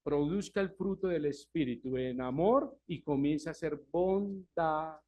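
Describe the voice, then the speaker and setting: A male pastor preaching a Sunday sermon, asking the congregation questions and answering them himself, swinging from loud emphasis to quiet asides. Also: fairly high pitch, measured pace. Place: church service.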